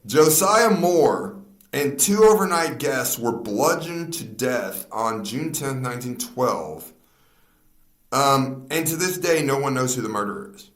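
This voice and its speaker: Male podcast host, unhurried and animated, reads story notes aloud with a laugh, roomy echo. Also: mid-range voice. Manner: laughs often, slips on words and restarts. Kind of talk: casual chat, reading a true crime story. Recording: echoey room.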